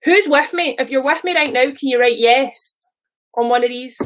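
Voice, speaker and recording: Speaking at a moderate pace over what sounds like a webcam or phone mic, this Scottish woman in her thirties rambles chattily to her stream audience. Her slightly high voice drifts between asides, with the occasional casual swear.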